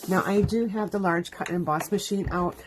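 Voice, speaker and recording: Brisk and fairly low-pitched, a crafting host talks through each step of a live card-making demonstration from her craft room. She's stuffy and sniffling from allergies. Slight background noise includes a dog dragging its bed around.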